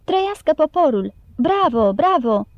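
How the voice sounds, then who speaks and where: A woman reading an audiobook voices a shouting, excited town crowd. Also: high-pitched, no echo, muffled recording, voice pushed up. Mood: excited cheering.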